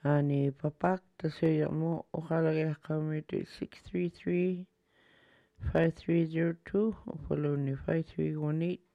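A radio announcer reading out a list of names and phone numbers at a steady, list-like pace, heard with a tinny radio sound. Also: mid-range voice, unhurried, dry recording. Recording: dull lo-fi radio audio.

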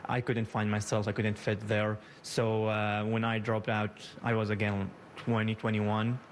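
A young man answers interview questions in his bakery kitchen. He speaks haltingly, with many "uh"s and restarts. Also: fairly low pitch, flat delivery, a little hiss or hum. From Yemen, raised in Saudi Arabia. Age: 20s. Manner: hesitant, halting, with frequent "uh" and restarts. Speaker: bakery founder, guest.

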